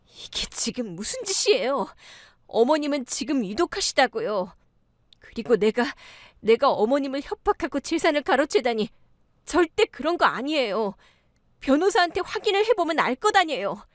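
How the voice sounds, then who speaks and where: A woman's voice: a little high, big pitch swings, moderate pace, darkish tone, no room sound, studio quality. A woman voicing a patient daughter-in-law heroine who speaks earnestly and pleads her case in a storybook radio tale.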